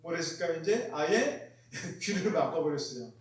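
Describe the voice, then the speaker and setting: High-voiced preaching man, very echoey. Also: sing-song, normal speed. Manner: emphatic, repeats key phrases, asks the congregation questions. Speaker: pastor. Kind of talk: sermon. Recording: very echoey room, mic far off.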